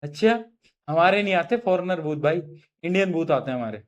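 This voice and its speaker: A man's voice: on the high side, expressive, fairly quick. Man, online teacher, chatty, teasing, mixes in English terms, live class lecture.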